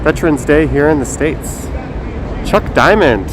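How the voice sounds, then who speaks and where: A man chats casually and haltingly on a live stream, speaking through a face mask. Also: on the high side, animated. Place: outdoors in a windy downtown city square. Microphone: phone on a gimbal. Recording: noisy windy city street, traffic.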